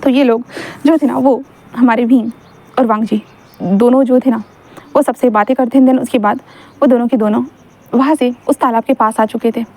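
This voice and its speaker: A woman's voice: fairly high pitch, steady tone, moderate pace, pauses often, dark tone. A young woman casually narrating her own story aloud in a chatty, rambling way, often correcting herself mid-sentence.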